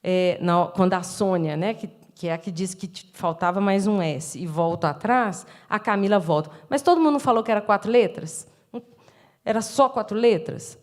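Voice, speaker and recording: A woman's voice: mid-range voice, normal speed. A middle-aged woman with a Brazilian Portuguese accent, giving a lecture as an education professor, explaining step by step and acting out classroom exchanges with frequent tag questions. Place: lecture room.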